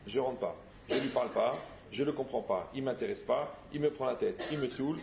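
A man, a rabbi, giving a lively spoken teaching, telling stories and acting out the dialogues in a direct, teasing way. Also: mid-range voice, fairly quick, creaky, noisy background. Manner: animated storyteller, acts out dialogues, direct and teasing. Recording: echoey muffled room recording.

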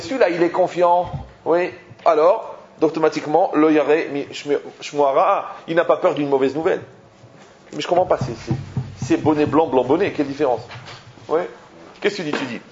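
A man teaching a Torah lesson as a rabbi, animated and full of rhetorical questions, often repeating himself. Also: fairly high pitch. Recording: dull lo-fi recording.

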